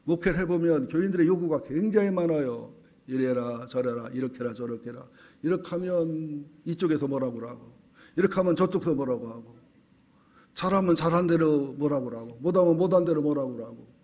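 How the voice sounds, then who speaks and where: A man preaching a Sunday sermon as senior pastor, reading scripture aloud and voicing its complaints, dropping at times to hushed asides. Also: on the high side. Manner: animated preaching, reads scripture then voices Moses' complaints, drops to hushed asides. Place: church sanctuary.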